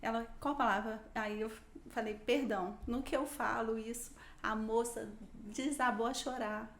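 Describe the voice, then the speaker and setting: Animated woman telling a story. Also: on the high side, measured pace, reverberant, a little hiss or hum. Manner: animated, quotes her own thoughts. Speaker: podcast guest. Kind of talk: casual storytelling.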